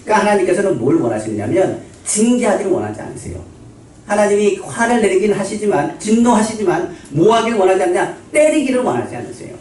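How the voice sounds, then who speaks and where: Quick, high-voiced preacher in an echoey church. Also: male voice, big pitch swings, a little mellow, a little hiss or hum. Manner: asks the congregation questions and answers them himself. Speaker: pastor. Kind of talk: sermon. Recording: echoey hall, voice from far off.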